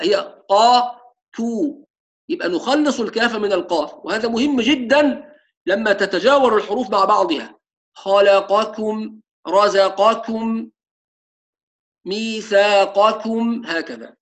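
Teaching tajweed with spoken demonstrations, an Egyptian-accented man speaks in a high-pitched, slightly bright voice. He moves between formal Arabic and casual side remarks, stretching out each letter slowly as he shows it.

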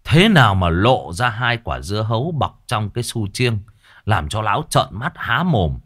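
Man, storyteller, low voice, lively intonation, earthy colloquial narration. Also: normal speed.

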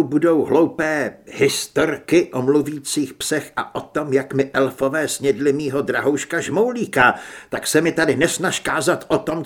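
A man's voice: a little high, slightly rough. Man doing a stubborn young reporter, heated.

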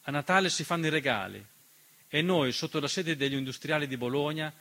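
Brisk, bright and forceful, his slightly high voice carries a scripted theatrical monologue that accuses and declaims through rhetorical questions. He is the stage narrator and the piece's writer-performer.

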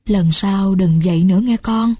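A woman reading the lines of a kindly middle-aged uncle who speaks gently and later scolds in exasperation. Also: mid-range voice, normal speed, husky, dry recording, faint music behind, close to an everyday voice. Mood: gentle.

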